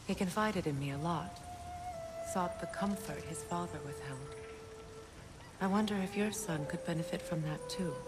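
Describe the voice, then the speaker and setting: A low-voiced, weary goddess queen. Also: loud music behind the voice, poor audio. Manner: measured, storytelling, dry sarcasm. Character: regal, weary, sharp-tongued goddess queen. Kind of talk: video game dialogue.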